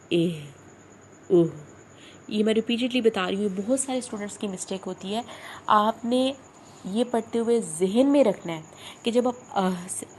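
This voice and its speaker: A woman teaching Quran recitation, taking her time over each letter sound and repeating it two or three times. She explains each rule and stops often to check in. Her voice sits at an ordinary middle pitch, and faint background noise stays under it throughout. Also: darkish tone. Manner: checks in with "okay?" after each point. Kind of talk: tajweed lesson with recited drills.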